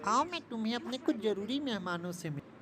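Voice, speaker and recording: A woman's voice: fairly high pitch, animated, brisk, crowd noise, natural voice. A woman voicing a wealthy young hostess, the colonel's daughter, making eager, chatty introductions in an amateur game dub. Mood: welcoming.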